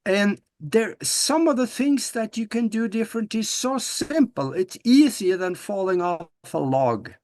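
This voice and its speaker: An older man from Norway, talking in a folksy, cheerful way as an interview guest. His voice sits a little high for a man. The sound is close and dry, with no room around it. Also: animated, measured pace, hardly any pauses, darkish tone, no room sound. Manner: folksy and upbeat, restarts with many "uh"s. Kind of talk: casual interview.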